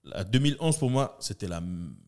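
A man's voice: lively intonation, brisk, darkish tone. A man, a comedian and entertainer telling stories from his career as a guest, slipping into other people's voices as he goes. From New Caledonia. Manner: acts out voices in his anecdotes, swinging pitch widely. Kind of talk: animated storytelling.

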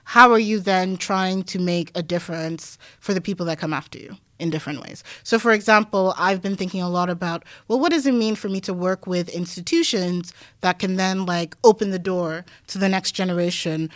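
A woman guest scholar who grew up in Denmark, talking through her ideas in a relaxed podcast interview, thinking aloud with many "like"s and "um"s and the odd wry laugh. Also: on the low side, fairly quick, hardly any pauses, no echo, studio quality. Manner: reflective, thinks aloud with frequent "like" and "um"; laughs easily, wry asides.

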